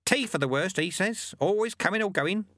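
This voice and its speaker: A man voicing a huge, polite male yeti who speaks slowly and understated. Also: high voice, lively intonation, fairly bright tone, no room sound, clean studio sound, voice pushed up. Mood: mild.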